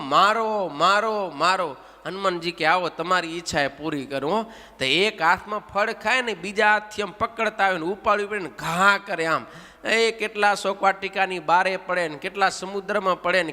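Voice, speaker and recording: A religious storyteller whose voice sits high animatedly recites a devotional story, with a long reverb tail trailing his words. He asks his listeners questions and leads them in chanting.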